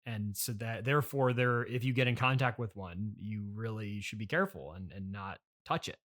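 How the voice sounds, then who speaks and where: A man with a lowish, slightly bright voice hosts an improvised comedy conversation at normal speed, playing himself as the podcast host. He sounds awkward and hesitant, yet reasons things through earnestly.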